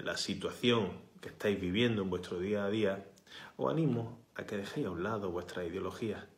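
A man, a healthcare worker making an impassioned protest appeal straight to his phone camera, fiery and emphatic, sometimes dropping to a whisper for stress. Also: on the low side. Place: small indoor room, bright window behind. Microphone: phone camera at arm's length. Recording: echoey room.

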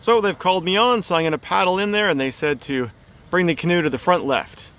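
A man in his thirties talks into a phone held at arm's length while paddling a canoe outdoors on a quiet river. His voice sits a little high, and he explains the route and local history in a steady, calm, tour-guide way. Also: fast. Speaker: solo canoe vlogger. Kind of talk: casual travel narration. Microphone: phone camera at arm's length.

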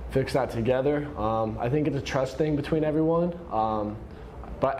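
A young man with a mellow, dark voice talks loosely through his answers at a press conference table. His speech is casual and relaxed. A faint room noise hangs underneath. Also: medium pitch. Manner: casual, relaxed, lots of "like" and "I don't know". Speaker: volleyball player.

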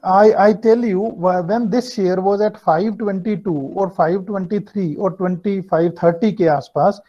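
High-pitched North Indian man teaching online. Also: steady tone, normal speed. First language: Hindi. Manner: explanatory, repeats and checks with students. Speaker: finance teacher. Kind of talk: online class lecture, switching between two languages. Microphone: computer mic on video call. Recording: dull, lo-fi video-call audio.

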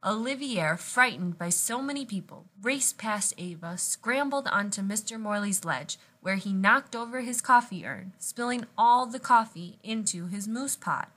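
Woman reading a children's picture book aloud, bright, expressive storyteller. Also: medium pitch, a little slow, hardly any pauses. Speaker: storybook reader.

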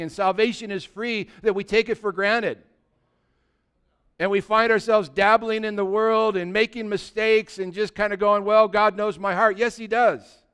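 High, smooth-voiced impassioned male preacher. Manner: impassioned preaching, swinging from loud exhortation to hushed tenderness. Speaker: pastor. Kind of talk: sermon.

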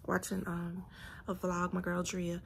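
Talking into a phone held close or propped at arm's length, a vlogger has a casual chat with her viewers from a small bedroom at home. Her mid-pitched, gravelly morning voice has a fry to it, and though she's chatty, laughs, and says "y'all," her delivery is completely flat and unhurried. Faint room noise hums in the background.

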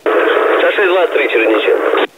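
A man's voice: fairly high pitch, animated, moderate pace. A man driving a train, answering over a walkie-talkie radio and tersely repeating instructions back. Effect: heard over a walkie-talkie radio. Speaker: train driver. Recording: crackly lo-fi two-way radio with heavy noise.

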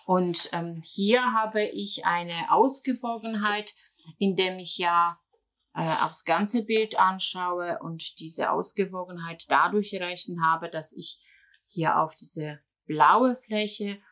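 A woman teaching abstract painting in an online seminar, explaining slowly with many filler sounds while she draws on examples. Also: on the low side, a bit bright.

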